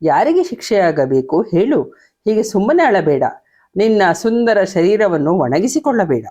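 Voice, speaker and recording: A woman's voice: medium pitch, big pitch swings, normal speed, warm tone, slightly rough. A woman reading the lines of an old king coaxing and pleading with his angry queen.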